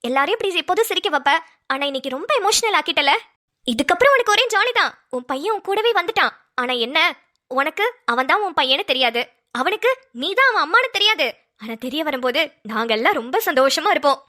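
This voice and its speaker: A woman channel host giving casual commentary on a story. She chats directly to its characters and admin in a very high, bright voice.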